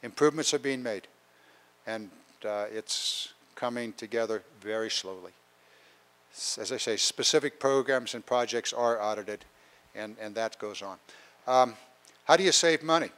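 A man's voice: medium pitch, normal speed, fairly bright tone. An older man speaking at a town hall with a handheld mic in a council chamber, plainspoken with many fillers, getting a cold. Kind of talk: public town hall talk. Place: large council chamber with an audience.

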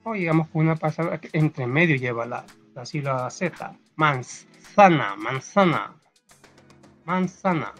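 A man, reading a story and then teaching a first-grade reading lesson, patiently repeating words slowly for young children. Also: on the high side, soft background music. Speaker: primary school teacher.

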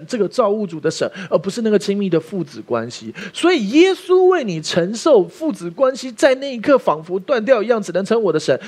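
A man's voice: high-pitched, darkish tone. A man preaching a sermon as pastor, emphatic and often asking the listeners questions.

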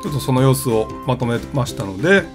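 A man's voice: medium pitch, expressive, fast, over music. A man hosting his travel vlog, explaining things in a casual, conversational way with plenty of fillers. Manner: chatty, conversational with frequent fillers.

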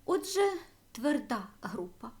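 Slow high-voiced woman teacher. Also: big pitch swings, a little mellow. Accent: Ukrainian. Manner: slow, careful dictation of word forms. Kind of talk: school grammar lesson.

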